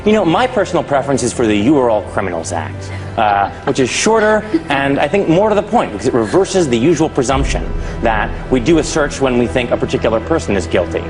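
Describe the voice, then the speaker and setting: A man argues a political point in a wry, conversational way. He talks quickly with animated intonation. Music is clearly heard underneath. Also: mid-range voice, poor audio.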